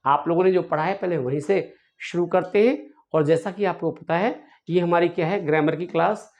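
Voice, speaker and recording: A male English teacher giving an online grammar lesson, drilling words by repeating them slowly and addressing viewers fondly. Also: high voice, a little mellow, lo-fi sound.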